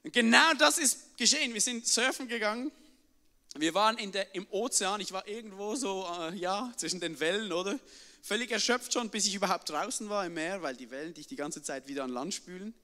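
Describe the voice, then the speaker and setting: Young man, high bright voice, lively stage storyteller, hall reverb. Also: fairly quick. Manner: animated, tags sentences with a questioning "oder?". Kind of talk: live personal storytelling to an audience.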